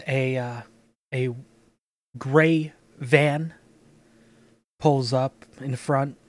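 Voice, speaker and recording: A man narrating a tabletop game as game master, in a casual, halting way. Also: a little high, no echo.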